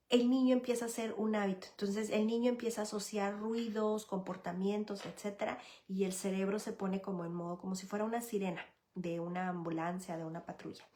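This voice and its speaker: A woman psychologist, giving live parenting advice and speaking straight to parents, often checking in with a quick "ok?". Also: medium pitch. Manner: addresses parents directly, often tags "¿ok?"; earnest, explanatory, lists examples.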